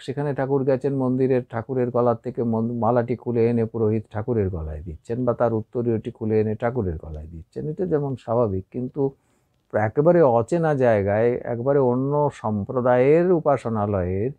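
A man with a Bengali accent giving an unhurried spiritual discourse, pausing often with fillers. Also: medium pitch, mellow, dry recording. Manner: unhurried, with frequent pauses and fillers. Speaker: religious speaker.

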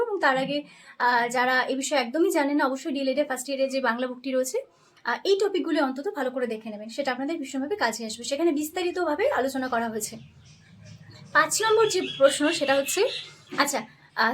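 A young woman teaching a lesson for interview preparation, explaining points briskly and often checking in with her listeners. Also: high voice.

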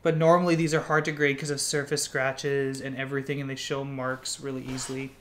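A man's voice: mid-range voice, flat delivery, fairly quick, a bit bright, a little hiss or hum. A young man with a Canadian accent, chatting casually and explaining card prices and grading as he opens packs. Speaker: co-host of a card-opening channel. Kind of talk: casual chat while opening trading cards.

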